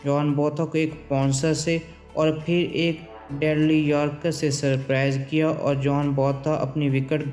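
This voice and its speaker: A man reading a scripted sports countdown voice-over in a steady, formal delivery. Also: fairly high pitch. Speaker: channel narrator. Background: faint background music.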